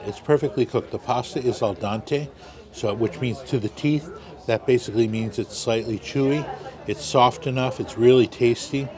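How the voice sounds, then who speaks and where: Male food vlogger, mid-pitched voice, easygoing and explanatory, busy crowd chatter and traffic behind. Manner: easygoing, explains dishes step by step. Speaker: food vlog host. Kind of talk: casual food review commentary. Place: outdoors on a busy city street. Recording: busy crowd noise outdoors. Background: crowd chatter and passing traffic.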